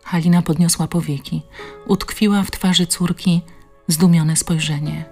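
Low-voiced woman narrating an audiobook. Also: faint music behind. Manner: measured, expressive reading. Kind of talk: scripted narration.

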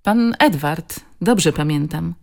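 A woman's voice: low voice, animated, takes it slowly, creaky, exaggerated voice. A woman voicing a wary, guarded woman in an audiobook, speaking in a slightly raised, startled way. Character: Baśka, a guarded woman caught bathing, wary.

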